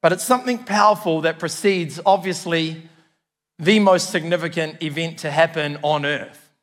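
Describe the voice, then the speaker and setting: A man's voice: on the high side, moderate pace. A man with a New Zealand accent preaching a sermon as a pastor, in an earnest, emphatic way with repeated phrases. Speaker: church pastor. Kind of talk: sermon to a congregation. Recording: long hall reverb.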